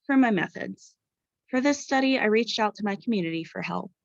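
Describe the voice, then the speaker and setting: A woman's voice: medium pitch, animated, fairly quick, vocal fry, no echo, highs cut off. A young American woman reading out a scripted academic presentation in a formal, careful way, as a student researcher. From Pittsburgh area, United States. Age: young adult. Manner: formal, carefully read-out delivery.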